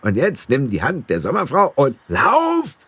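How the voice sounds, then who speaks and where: A man's voice: medium pitch, huge pitch swings, unhurried, a bit bright, husky, no room sound, pitched above the performer's own voice, full character voice. Man doing a cheeky little blue fairy ringleader. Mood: cheeky boisterous. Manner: brash, boisterous and jolly. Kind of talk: audiobook character voice.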